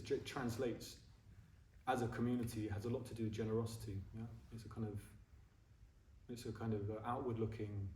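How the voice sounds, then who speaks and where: An ordained Buddhist speaker in his forties gives an informal dharma talk to a group, chatty and self-mocking, often checking in with "yeah?". His voice is on the low side and a little mellow. He sounds distant in a roomy, echoey space, with slight background noise.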